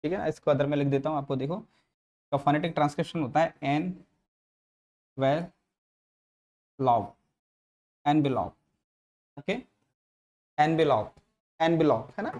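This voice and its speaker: A man teaches an English grammar lesson in a classroom, repeating each example and checking in often with tag questions. His voice is fairly high and darkish in tone, at a moderate pace with frequent pauses.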